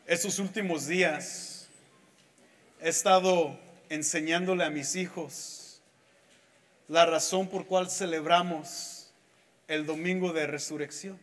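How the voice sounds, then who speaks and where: A pastor preaching a sermon, telling a story slowly and with emphasis, now and then switching into English. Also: a little high, steady tone, a bit bright. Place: church hall. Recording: echoey church hall with faint music.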